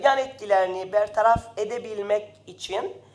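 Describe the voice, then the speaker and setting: A woman's voice: mid-range voice, normal speed. A woman member of parliament, giving an impassioned, indignant speech at a rostrum microphone in a parliament chamber while slightly ill. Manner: impassioned, indignant, rising to loud emphasis.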